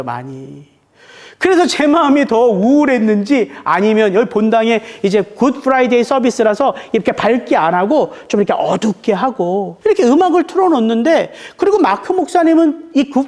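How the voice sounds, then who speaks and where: A middle-aged male pastor delivering a heartfelt sermon. His pitch rises and falls in wide, lively swings, and he slows to a deliberate pace on the words he stresses. His tone is earnest and emotional. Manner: emotional preaching, slowing down on key words.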